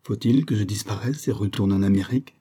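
A man voicing a wealthy young colonel in an audiobook reading, measured and persuasive. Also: on the low side, mellow, breathy edge. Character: wealthy young colonel, firm yet courteous.

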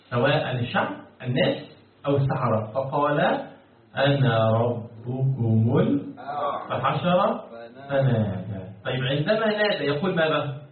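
A man's voice: medium pitch, far from the mic. Man teaching from afar in an echoey room, phone-like sound. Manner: repetitive, asks questions and answers them himself. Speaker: sheikh teaching Quran commentary. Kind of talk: classroom explanation with questions to students.

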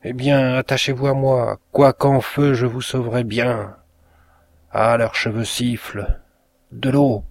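A man's voice: medium pitch, level tone, takes it slowly, vocal fry, voice pushed up. A man voicing a grief-maddened widow who relives a fire, crying out in frantic anguish, in a storybook reading.

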